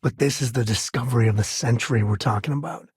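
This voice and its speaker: Sam Coe, husky folksy space cowboy. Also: male voice, medium pitch, fast talker, darkish tone, no echo, clean studio sound. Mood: wry, easygoing. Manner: folksy, wry, conversational. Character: easygoing, wry space cowboy pilot and father. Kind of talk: video game voice acting.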